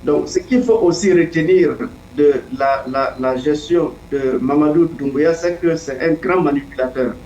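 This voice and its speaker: A man speaking as a political commentator in an interview, earnest and deliberate, often pausing to search for his words. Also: on the high side, a little mellow, a little hiss or hum. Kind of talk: analytical interview answer. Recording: echoey, distant, dull lo-fi sound.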